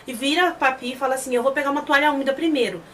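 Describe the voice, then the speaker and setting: A high-pitched Brazilian woman with a Brazilian Portuguese accent recaps a drama episode in a casual, emotional, animated way. She acts out the characters' lines as she retells the scenes. She sounds a little distant from the mic, with a faint hiss behind her. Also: rapid-fire. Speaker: series reviewer.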